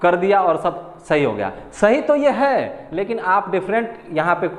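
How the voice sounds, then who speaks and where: A male teacher giving a slow board lesson on grammar, repeating and spelling out each syllable. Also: high-pitched, huge pitch swings. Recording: echoey room with long reverb.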